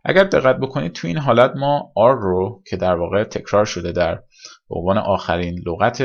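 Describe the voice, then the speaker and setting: Gravelly low-voiced male teacher. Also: muffled recording. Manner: explains step by step, repeats examples slowly. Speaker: English pronunciation teacher. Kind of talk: recorded online lesson.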